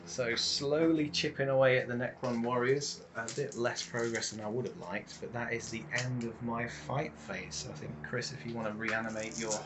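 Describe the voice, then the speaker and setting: A man's voice: mid-range voice, fairly even intonation, moderate pace, hardly any pauses, background noise. A man playing a tabletop wargame, chatting casually and checking the rules aloud. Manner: checks rules aloud, playfully builds suspense. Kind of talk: casual chat over a tabletop game.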